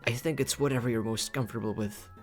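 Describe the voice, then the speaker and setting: With soft background music, a male VTuber livestreamer from the Philippines talks quickly in a medium-pitched voice. His casual chatter is playful, cutesy, and rambling, with frequent repetition.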